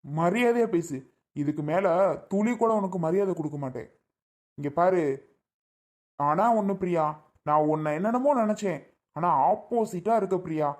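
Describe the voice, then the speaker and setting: A man's voice: high voice, lively intonation, moderate pace, long pauses, darkish tone. A man playing an angry husband who scolds and reproaches his wife in a family drama skit.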